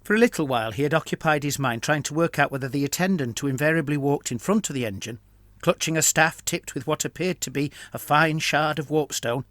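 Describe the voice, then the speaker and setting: Man, story narrator, measured reading, slightly high voice, dry sound. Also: fairly bright tone, no room sound. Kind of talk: scripted narration.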